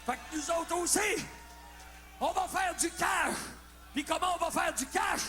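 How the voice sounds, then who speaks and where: A man with a Quebec French accent doing loud, swearing, mock-serious comedic banter between songs at a live concert. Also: very high voice, measured pace, in a large hall, faint music behind. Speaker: singer and frontman. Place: concert venue stage.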